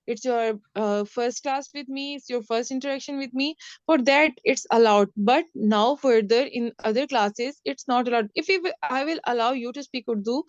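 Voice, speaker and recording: A woman's voice: a little high, no room sound, dull audio. A woman with a Pakistani accent, an English teacher talking informally and reassuringly in an online lesson, often repeating herself. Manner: repetitive, reassuring, calls student dear. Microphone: online call.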